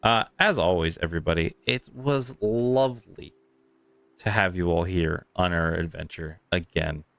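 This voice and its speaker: Clear-voiced man running a game stream. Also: sits low, normal speed, hardly any pauses, a bit bright, dry recording. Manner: rambling and grateful, with many restarts. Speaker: game master. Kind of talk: closing a live tabletop game stream.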